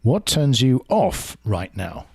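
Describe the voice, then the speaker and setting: A man hosting a podcast, playful and chatty as he jokes and works through a list of quick questions. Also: mid-range voice, very animated, vocal fry, darkish tone, slightly rough. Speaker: podcast host. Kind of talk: casual interview, rapid-fire questions.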